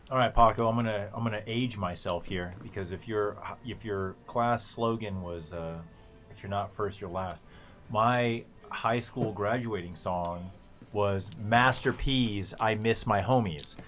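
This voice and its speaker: A chatty man in his forties with a fairly low voice tells a self-deprecating story while the group plays. His delivery is casual and unhurried. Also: fairly bright tone. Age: 40s. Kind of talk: casual chat.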